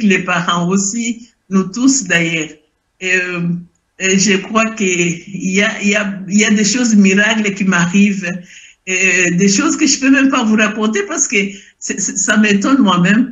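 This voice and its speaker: Older woman giving a halting testimony. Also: mid-range voice, a bit bright, highs cut off. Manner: repetitive, hesitant, searching for words. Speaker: testifying church member. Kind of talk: emotional spoken testimony. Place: lives in Belgium.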